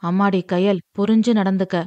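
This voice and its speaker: A woman's voice: mid-range voice, steady tone, no echo, natural voice. Woman doing a sober older father. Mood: grave. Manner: measured, warning. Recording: dry, slightly dull lo-fi.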